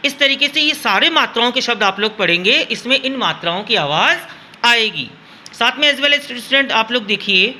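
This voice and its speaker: Bright-voiced male teacher explaining slowly. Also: sits high, slight background noise. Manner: repetitive, addresses students directly, drawn-out sounds in demonstrations. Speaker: school teacher. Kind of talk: classroom grammar lesson.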